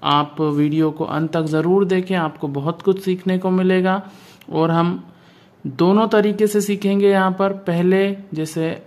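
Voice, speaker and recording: A teacher giving a pronunciation lesson on the alphabet, stretching out each vowel and consonant deliberately. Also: mid-range voice, steady tone, darkish tone. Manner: slow, drawn-out enunciation of each sound.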